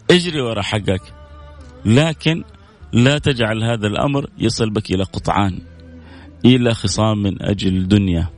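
An earnest male preacher hosting a religious program, speaking at an ordinary middle pitch. He builds his points by repeating phrases with mounting emphasis. Faint music plays underneath his voice. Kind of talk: sermon-style religious talk.

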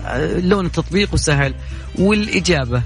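A man's voice: a little high, animated, fast talker, gravelly, soft background music. A man with a Saudi Gulf accent hosting a call-in radio show, chatting and joking with callers. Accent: Saudi Gulf Arabic. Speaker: radio host.

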